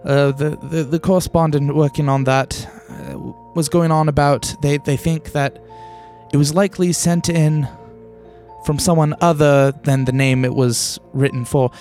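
A man's voice: fairly high pitch, steady tone, measured pace, a little mellow, close to an everyday voice. A man voicing a squeamish, apologetic, fussy newspaper writer in a tabletop game, with a hesitant stammer. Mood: apologetic, flustered. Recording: background music under the voice.

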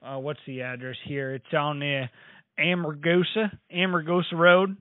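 A man's voice: a little high, little pitch movement, normal speed, no echo, close to an everyday voice. A man playing a rambling, oblivious trucker in a prank phone call, heard over a dry, tinny phone line. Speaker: prank caller.

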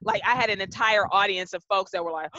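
Woman, podcast guest, bright forceful tone, measured reflective storytelling, dry muffled recording. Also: mid-range voice, fairly even intonation, no echo. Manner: measured, reflective, often slows to stress points. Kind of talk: conversational interview storytelling. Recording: dull, dry lo-fi podcast audio.

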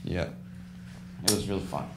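A man's voice: sits low, normal speed, darkish tone, a little hiss or hum. A man talking casually as a podcast guest, telling slangy, earnest stories about his own experience. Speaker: music producer, podcast guest.

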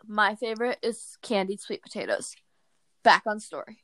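A woman's voice: medium pitch, lively intonation, normal speed, pushed and bright, no room sound. A young woman co-hosting a podcast, mostly reacting with short interjections. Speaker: podcast co-host. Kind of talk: casual chat.

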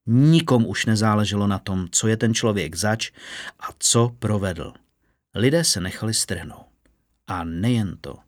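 A man narrating a fantasy story in a steady, measured audiobook reading. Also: fairly low pitch, dry recording, clean studio sound.

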